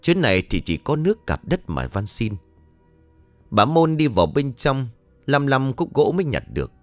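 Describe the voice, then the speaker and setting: A man narrating a ghost story in an animated storytelling manner. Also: medium pitch, moderate pace, dry recording. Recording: dry studio voice with faint music.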